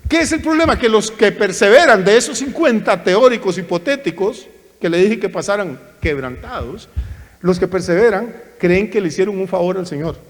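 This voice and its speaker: A male pastor preaching a sermon, animated and theatrical, often acting out the voices of churchgoers and preachers. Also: sits high, moderate pace, in a large hall.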